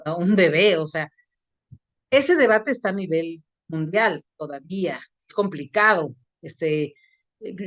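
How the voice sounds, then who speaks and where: A middle-aged woman, a psychologist and sexologist, talking through her cases in a lively, anecdotal way. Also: mid-range voice. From Mexico. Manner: lively storytelling, acts out quoted voices. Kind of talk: professional conversation, anecdotal. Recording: dull lo-fi audio.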